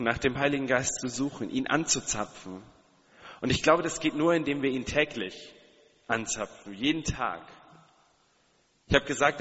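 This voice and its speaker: A man's voice: mid-range voice, a bit bright. A man preaching a sermon, speaking earnestly and putting direct questions to his listeners, repeating key phrases for emphasis. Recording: long hall reverb, dull sound.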